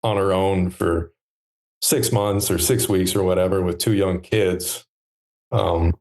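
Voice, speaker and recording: A man in his thirties, a podcast guest talking in a relaxed, reflective way with many pauses and fillers. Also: low voice. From United States. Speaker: podcast guest, stand maker. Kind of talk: relaxed conversational interview.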